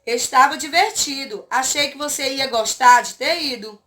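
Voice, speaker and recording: A woman reading aloud the lines of a schoolboy asking a friend why she missed the party, in a slow exercise-reading manner. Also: high voice, pushed and bright. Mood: plain. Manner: read aloud slowly from an exercise.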